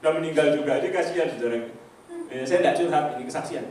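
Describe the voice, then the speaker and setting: An older man preaching a personal testimony, telling stories with animated asides to the congregation and acting out the voices of others. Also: fairly high pitch, fast, heavy background noise. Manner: lively storytelling, acts out voices, congregation asides. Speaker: pastor. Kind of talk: sermon testimony. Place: church hall. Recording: echoey hall from far off.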